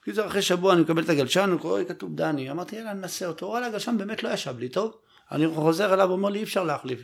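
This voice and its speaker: A man in his thirties has a high, gravelly voice as he animatedly recounts stories in a relaxed chat, acting out the quotes of the people involved.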